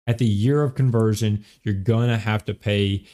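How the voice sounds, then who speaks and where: On his finance podcast, a young man with a low, mellow voice and fairly even intonation moves at a moderate pace through how retirement accounts work. Key points get repeated, and he checks in often with "okay?" and "right?".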